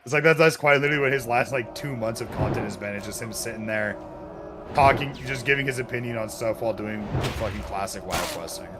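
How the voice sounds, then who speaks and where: A man's voice: mid-range voice, fast talker, over loud music. A man who makes online videos, chatting casually while gaming, rambling and swearing freely. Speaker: content creator.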